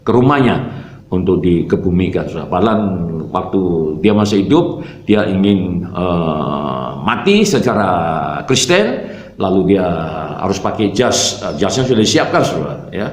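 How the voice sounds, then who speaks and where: A man's voice: deep voice, sing-song, normal speed. A man, a pastor, telling his personal faith testimony in an earnest storytelling way, calling his listeners "brother" after nearly every phrase. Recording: roomy echo.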